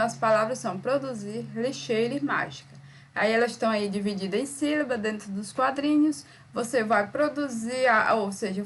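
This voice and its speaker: A Brazilian woman with a Brazilian Portuguese accent teaches a recorded school lesson, patiently repeating herself, sounding words out slowly, and asking "tá ok?" after each step. Her voice is on the high side, fairly bright, with a breathy edge.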